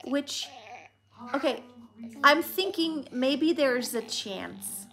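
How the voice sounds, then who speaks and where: A woman in her forties giving a casual vlog update on a phone outdoors, chatty and warm with the small children around her. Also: high voice, lively intonation, extremely slow. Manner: chatty, switches to sing-song baby talk with little kids. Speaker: vlogger. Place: outdoors in bright sun.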